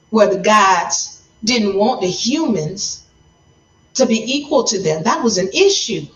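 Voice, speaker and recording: A woman's voice: mid-range voice, reverberant, distant mic, muffled recording. A woman hosting a livestream, explaining her point in an emphatic, lecturing way. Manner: emphatic, lecturing, speeds up and slows down for stress. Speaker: livestream host. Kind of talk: livestream commentary. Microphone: phone.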